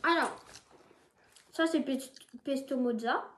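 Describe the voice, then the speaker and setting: A woman's voice: high voice, slow pace, background noise. A woman chatting casually as she presents a homemade snack taste test.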